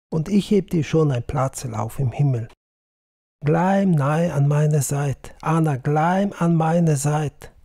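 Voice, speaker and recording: A man voicing a calm dying old peasant. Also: on the high side, creaky, no echo, clean studio sound, heavily acted. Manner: slow, gentle, resigned speech. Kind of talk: audiobook reading.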